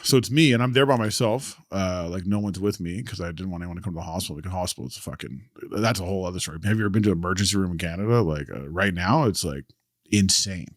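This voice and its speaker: A young man co-hosting a podcast, telling a story in a casual, animated way, swearing freely and acting out what others said. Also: low voice, fast talker, dry recording, clean studio sound. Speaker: podcast co-host. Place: lives in Calgary.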